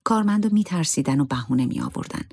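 A narrator telling a dramatic true story in a grave, measured way. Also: mid-range voice, very animated, a little mellow, husky, no room sound, clean studio sound.

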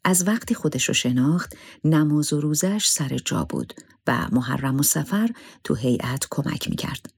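A man narrating a scripted story in a measured, solemn way, sometimes dropping to a hushed whisper. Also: a little high, animated, creaky, husky, no echo, studio quality.

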